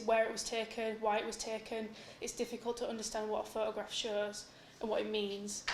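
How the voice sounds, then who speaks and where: Even-pitched young woman presenting, echoey. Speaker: PhD student presenting research. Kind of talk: academic conference presentation. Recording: echoey room with faint noise.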